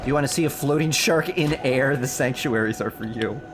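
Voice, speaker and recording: With music playing behind him, a young man talks a little fast in a mid-range voice while streaming a survival game. His commentary is casual, rambling through anecdotes and responding to chat.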